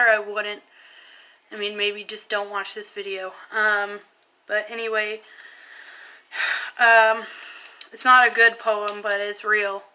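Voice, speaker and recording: Young woman, bright and clear tone, hesitant spoken-word poem reading. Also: mid-range voice, poor audio. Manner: soft, halting and hesitant. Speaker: vlogger.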